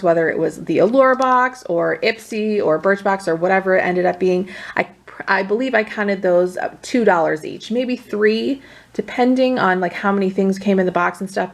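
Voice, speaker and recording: Slightly out of breath because she is pregnant, a woman talks casually to the camera while going through beauty products. She has a gravelly, mid-range voice and a conversational manner.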